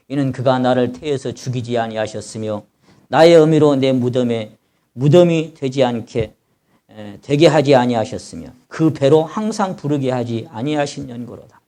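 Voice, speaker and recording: Impassioned Korean pastor preaching. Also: male voice, medium pitch, warm tone. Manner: reads scripture aloud, then explains it in plain speech; impassioned, cries out in the voice of the sufferer. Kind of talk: sermon.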